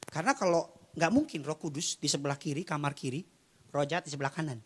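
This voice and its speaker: A man preaching a sermon as pastor, asking questions and answering them himself, moving between loud shouts and quiet storytelling. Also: fairly high pitch, lively intonation, fast talker, husky. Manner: asks and answers his own questions. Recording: live church sermon.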